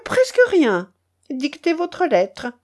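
A woman's voice: sits high, wildly swooping pitch, takes it slowly, pitched above the performer's own voice, exaggerated voice. A woman doing a haughty, mocking duchess. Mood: commanding. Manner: imperious, mocking. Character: haughty, capricious noble duchess, cold and teasing.

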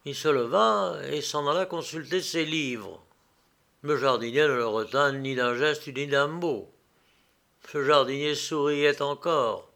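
Man reading a literary tale, measured and unhurried, slightly high voice. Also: creaky, a bit bright. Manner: measured, unhurried, a few fillers. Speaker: reader.

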